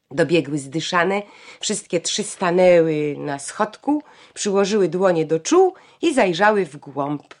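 Lower-voiced woman reading a literary audiobook. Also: vocal fry. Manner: measured, expressive reading. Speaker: audiobook narrator.

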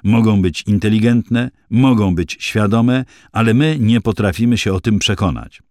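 A man's voice: on the low side, normal speed, darkish tone, no room sound, studio quality, lightly acted. A man voicing a precise, scornful young female student who lectures exactly. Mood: lecturing.

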